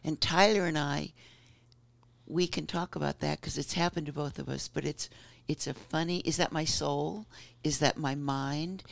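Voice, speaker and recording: A man hosting a talk show, chatting in an animated, digressive way and laughing often. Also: on the high side, vocal fry, dry recording. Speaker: host. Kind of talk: casual chat.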